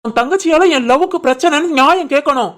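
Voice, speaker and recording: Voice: high voice, fast talker. A voice artist playing an eager, lovestruck young office worker in a cartoon, with a southern Tamil Nadu dialect. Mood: doting. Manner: pleading, doting, excitable. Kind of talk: cartoon voice acting.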